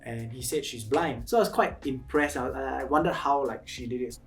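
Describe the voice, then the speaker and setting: A man's voice: mid-range voice, fairly quick, far from the mic, soft background music. A Singaporean man in his twenties telling stories in an interview, with lots of "like" and "uh". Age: 20s. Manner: chatty, filler-heavy with "like" and "lah". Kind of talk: casual interview storytelling.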